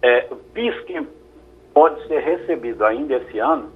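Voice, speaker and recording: A lawyer, answering callers' questions on a radio call-in show in a measured, explanatory way. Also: male voice, medium pitch, lively intonation, slight background noise. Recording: phone-like radio line.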